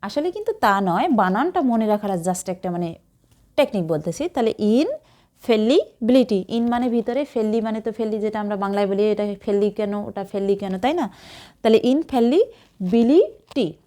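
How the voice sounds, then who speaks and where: A woman's voice: fairly high pitch, very animated, moderate pace, dark tone. A woman teaching English vocabulary, spelling words letter by letter and giving memory tricks. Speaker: English tutor. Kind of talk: vocabulary lesson.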